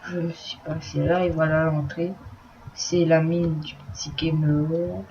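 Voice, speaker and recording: Slow, soft-spoken man with a mellow voice. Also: on the high side, little pitch movement. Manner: talks softly and slowly, swears when startled. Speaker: gameplay commentator. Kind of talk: let's play commentary. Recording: dull lo-fi recording with faint noise.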